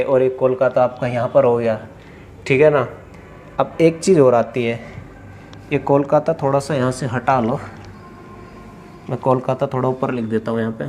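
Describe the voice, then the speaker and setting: Man teaching slowly, drawing out words. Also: mid-range voice, a little mellow. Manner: explains step by step, asks and answers own questions; drawls place names slowly while writing. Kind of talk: classroom lecture at a board. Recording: faint background noise.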